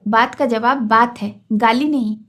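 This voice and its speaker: A woman's voice: fairly high pitch, steady tone, a little slow. A woman voicing an officious village record-keeper who lectures in a storybook reading. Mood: lecturing.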